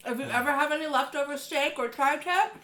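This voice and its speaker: A woman's voice: high voice, brisk, fairly bright tone. A woman talks casually to viewers as a vlog co-host while eating, chewing and murmuring over the food between short remarks. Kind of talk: casual mukbang chat to viewers. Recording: echoey room with background noise.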